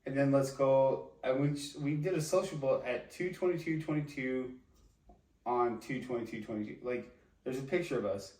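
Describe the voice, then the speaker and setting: A man's voice: mid-range voice, moderate pace, darkish tone. Crude, jokey man in an echoey room. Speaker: podcast co-host. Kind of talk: casual joking podcast banter. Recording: echoey room, distant from the mic.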